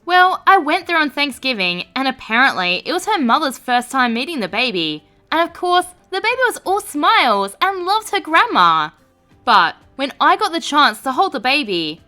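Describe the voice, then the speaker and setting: A high, bright woman's voice swinging widely up and down as she reads online stories aloud. She gives each post's comments a sarcastic, expressive edge, with faint music playing underneath. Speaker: narrator. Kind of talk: reading reddit stories aloud.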